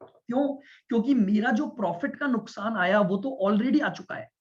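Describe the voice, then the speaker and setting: A man teaching a commerce class, explaining step by step, repeating his points and checking whether the students follow. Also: sits high. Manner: speaks deliberately and stresses listening. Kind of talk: classroom lecture. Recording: dull lo-fi lecture recording.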